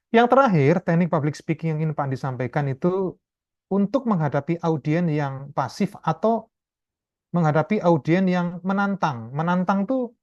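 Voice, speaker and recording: A man lecturing a class over a video call, explaining step by step in a chatty way and often tagging his sentences with quick checks. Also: a little high, darkish tone, no echo, lo-fi sound. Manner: chatty, explanatory, keeps adding tag questions. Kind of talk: online class talk.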